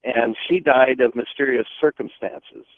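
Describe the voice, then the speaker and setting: A man's voice: mid-range voice, steady tone, measured pace, no room sound. A man from Nebraska calling in to a radio show over the phone, asking an earnest question with some hesitation. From Nebraska, USA. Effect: heard over the phone. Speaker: radio call-in caller. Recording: tinny phone line, dry.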